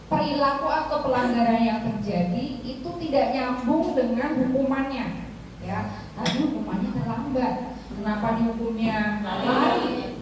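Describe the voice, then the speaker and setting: A woman's voice: fairly high pitch, noisy background. A woman giving a teacher-training workshop talk, conversational and checking in with her audience, in an echoey room far from the mic. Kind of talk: workshop lecture.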